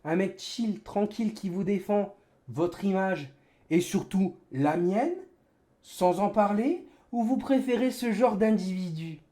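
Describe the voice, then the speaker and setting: A man's voice: high voice, measured pace, warm tone. A man livestreaming an angry gamer rant, indignant and sarcastic, hammering phrases with emphatic repetition. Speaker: livestreamer, sim racing gamer.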